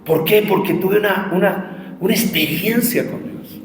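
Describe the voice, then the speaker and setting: Preacher in an echoey hall. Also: male voice, high-pitched, a little slow. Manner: passionate, shifts between shouting and quiet storytelling. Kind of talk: evangelism seminar sermon. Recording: echoey hall with faint music.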